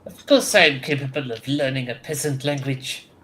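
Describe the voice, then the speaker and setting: A man's voice: medium pitch, fairly even intonation, moderate pace, pushed and bright, a little hiss or hum, lightly acted. A man voicing a haughty male German submarine instructor in a stiff, pompous put-on accent.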